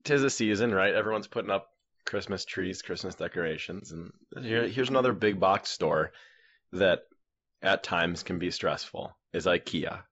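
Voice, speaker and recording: Low-pitched yet fairly bright, this man speaks at a moderate pace as a podcast co-host, spinning meandering everyday anecdotes and voicing the dialogue himself. The recording has a dull, lo-fi quality.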